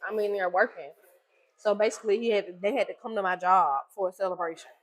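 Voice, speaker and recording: A woman's voice: medium pitch, steady tone, fast talker, slight background noise, rough recording. A middle-aged woman, a restaurant owner co-hosting a casual chat, talking bluntly and teasing.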